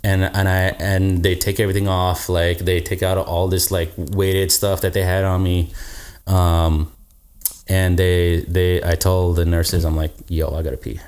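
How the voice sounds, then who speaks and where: Low-voiced man, podcast host, casual storytelling; blunt, swears freely, laughs through it. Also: little pitch movement, measured pace, a little mellow.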